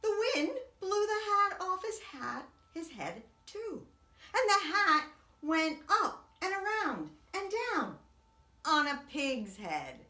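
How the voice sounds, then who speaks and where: Like a preschool teacher, a woman reads a children's story aloud with bright, very lively pitch swoops and dramatic whispers. She goes slowly and expressively for her young listeners, in an echoey room.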